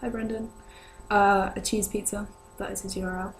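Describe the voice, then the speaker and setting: Faint music sits behind this young British woman's mid-range voice, flat in delivery and moderate in pace. Ill with a sore throat that lowers her voice, she answers her viewers' questions in a casual, hesitant, rambling vlogger manner. There's noise and hum from the home recording.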